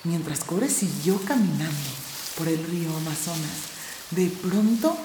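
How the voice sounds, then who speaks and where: Slow, gentle woman storyteller. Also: low voice, lively intonation, background noise. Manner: slow and gentle, with dramatic rises. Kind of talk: soothing bedtime story narration. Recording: roomy with background music.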